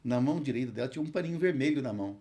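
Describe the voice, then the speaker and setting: A man with a Brazilian Portuguese accent, a hospital chaplain and pastor, tells an earnest testimony in an interview and recites scripture slowly. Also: mid-range voice, animated, mellow. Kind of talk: emotional testimony in a podcast interview.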